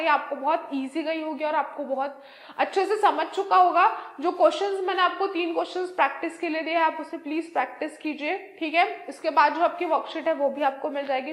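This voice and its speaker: A young woman teacher with an Indian English accent, giving an exam-prep grammar lesson and drawing out example words slowly. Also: high voice, steady tone, fairly bright tone, reverberant. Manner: slow, drawn-out spelling and repetition of example words; mixes Hindi with English phrases.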